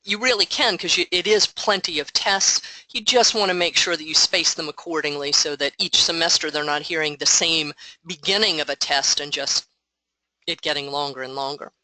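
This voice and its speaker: A woman training colleagues on software over an online meeting, speaking through a headset in a patient, explanatory way and thinking aloud as she clicks through. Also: deep voice, steady tone, normal speed, dry recording, low-quality recording.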